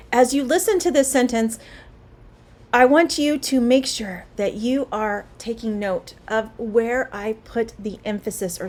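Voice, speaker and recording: A middle-aged woman teaching English, speaking slowly and clearly with a voice that rises and falls a great deal. Her tone is a little high and encouraging. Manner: slow, clear and encouraging, with a very lively melody. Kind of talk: spoken English lesson.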